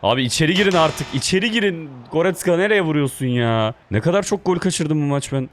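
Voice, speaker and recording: A young man, a gaming video host, giving excitable play-by-play commentary on his own football game, often shouting at his players. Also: on the high side, brisk, slight background noise. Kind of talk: live gameplay commentary.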